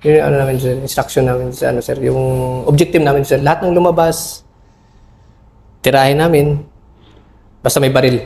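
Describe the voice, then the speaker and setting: A middle-aged man, an army officer, recounting a battle in an interview, halting and full of fillers, respectfully calling his listener sir. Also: mid-range voice, steady tone, creaky, a little mellow, a little hiss or hum. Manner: respectful toward a senior officer. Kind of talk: interview recollection.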